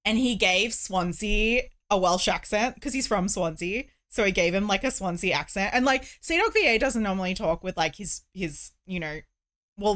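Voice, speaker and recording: Clean studio audio without echo captures a livestream host's mid-range, slightly bright voice. She crochets and chats casually, wandering from thought to thought as she thinks out loud.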